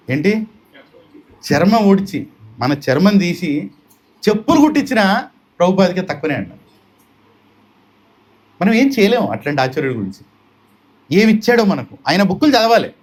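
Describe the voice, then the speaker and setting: A man's voice: sits high, sing-song, moderate pace, pauses often. A man giving a devotional sermon at a home gathering, emphatic and full of rhetorical questions, slipping into English now and then. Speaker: devotional speaker. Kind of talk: sermon-style storytelling.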